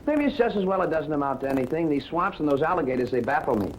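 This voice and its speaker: An actor playing a sarcastic ex-cop private detective with a Brooklyn accent, in 1940s film acting with a breezy, wisecracking delivery. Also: male voice, fairly high pitch, very animated, quick pace, rough recording. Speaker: private investigator. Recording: old film soundtrack with faint hiss.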